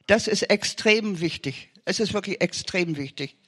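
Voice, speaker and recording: A man's voice: sits high, normal speed, fairly bright tone, breathy edge. A man preaching an urgent sermon testimony, pressing listeners with emphatic, repeated short commands.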